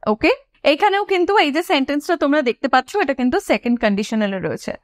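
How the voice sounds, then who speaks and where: A woman teaching an English lesson. She explains each point and asks her students questions, then slows down to say each English example sentence clearly. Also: high voice, lively intonation, dry recording, clean studio sound. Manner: asks the class questions, then answers them. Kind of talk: classroom explanation.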